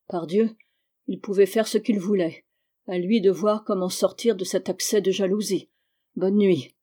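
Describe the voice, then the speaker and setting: A woman reading a novel aloud in a measured, descriptive narration. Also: medium pitch, warm tone. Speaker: audiobook reader. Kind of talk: literary narration.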